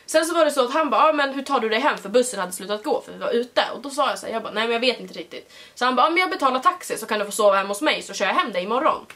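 A young woman vlogger telling a story in a casual, animated way, full of fillers. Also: a little high. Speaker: vlogger host.

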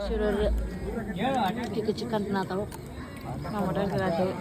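A woman's voice: mid-range voice, level tone, moderate pace. A woman with a North Karnataka Kannada accent, chatting to her viewers in a casual vlog and pointing things out as she goes. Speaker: vlogger. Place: crowded outdoor village fair. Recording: busy outdoor crowd noise behind.

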